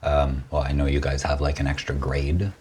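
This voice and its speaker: A young man hosting a podcast interview, talking slowly and haltingly, with many restarts. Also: rumbling low, monotone, a little mellow, slight background noise. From Quebec. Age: young adult. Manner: slow, hesitant, many restarts. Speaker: podcast host. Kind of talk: casual interview.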